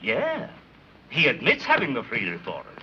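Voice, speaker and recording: An actor playing a sarcastic police commissioner with a dry, mocking way of talking. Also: male voice, medium pitch, huge pitch swings, normal speed, pushed and bright, heavily acted. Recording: dull old 1930s film soundtrack, faint hiss.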